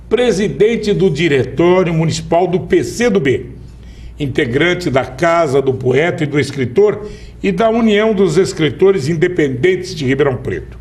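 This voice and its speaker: A man hosting a formal local TV interview, introducing his guest in a measured, announcer-like way. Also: fairly high pitch, darkish tone, recorded from a distance. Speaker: interview host.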